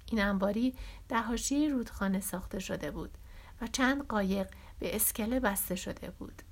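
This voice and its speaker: A woman narrating a novel as an audiobook in a steady, measured reading voice. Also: mid-range voice.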